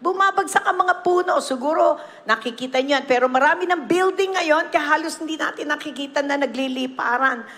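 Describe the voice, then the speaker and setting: A Filipino woman pastor preaching a sermon, mixing Tagalog and English and telling the story with lively questions to the congregation. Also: high voice, fairly quick, long reverb tail. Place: church.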